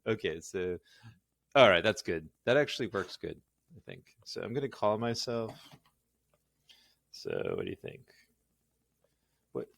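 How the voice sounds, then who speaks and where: With a voice on the low side, creaky and fairly bright, a man talks in an animated but measured way, pausing often, with no room sound. He's a tired video host rambling through a product demo, muttering to himself as he works and goofily mocking himself.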